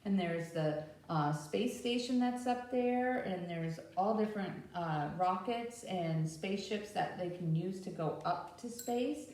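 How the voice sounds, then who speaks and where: With a low-ish, darkish voice, a woman runs a children's storytime, teaching in simple terms and asking the children lots of questions. She speaks a little slowly with hardly any pauses, captured from a distance in a very echoey room.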